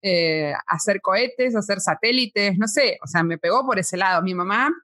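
A woman's voice: mid-range voice, lively intonation, normal speed, a bit bright. Woman, thirties, buenos aires accent, casual interview guest, chatty, laughs a lot. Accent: Rioplatense Spanish, Buenos Aires. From Argentina. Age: 30s. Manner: chatty, laughs often, many fillers. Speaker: guest, space science communicator.

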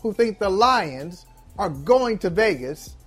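A man's voice: sits high, slow pace, husky, faint music behind. A middle-aged man co-hosting a sports talk show, teasing his co-host in casual banter. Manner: teasing, animated, acts out quoted fans. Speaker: podcast co-host.

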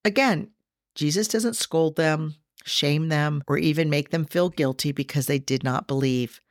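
Podcast host, woman with a deep voice, earnest teaching tone, dry close recording. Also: no echo. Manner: earnest, slows down to stress scripture; addresses listeners directly.

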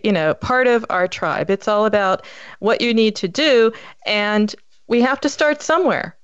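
Chatty female podcast host, smooth and resonant, dry close sound. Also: a little high, no room sound, lo-fi sound. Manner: chatty, repeats words when excited. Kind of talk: casual interview chat.

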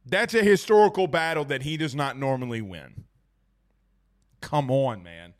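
Viewer comments get the excitable, emphatic treatment from this hoarse sports talk show host, who repeats lines for effect in a casual setting. His voice is mid-range and his delivery a little slow.

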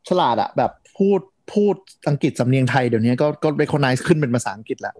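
A man's voice: medium pitch, fairly quick, a little mellow, no echo, studio quality. A man co-hosting a casual tech podcast, patiently explaining how things work.

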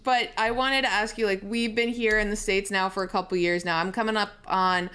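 A Canadian woman in her thirties hosting a casual, joking chat show and moving quickly between topics. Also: mid-range voice, steady tone, sharp tone, clean tone. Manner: chatty, joking, quick segues. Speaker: host.

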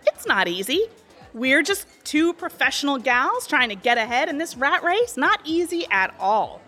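A woman plays a chatty, sly waitress in her thirties with a sweetly condescending way of talking. Her voice sits high and swings widely in pitch, with soft music under it. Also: sing-song, normal speed, exaggerated voice. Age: 30s. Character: scheming woman bar waitress, aspiring actress. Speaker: cocktail waitress. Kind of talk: audio drama acting.

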